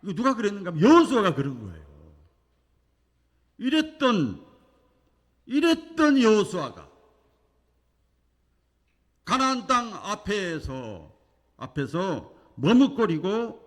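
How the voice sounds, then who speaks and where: A male pastor preaching a Sunday sermon with animated delivery, acting out quoted voices and swinging from quiet asides to loud declarations. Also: high-pitched, a little slow, long pauses. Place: church sanctuary. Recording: long church hall reverb.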